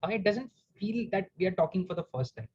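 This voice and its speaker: A man shares a personal story in a live Q&A, earnest and emotional as he talks straight to his listeners. His voice sits a little high and sounds husky. The recording is muffled and lo-fi. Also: expressive, fast talker, a little mellow. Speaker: speaker and coach.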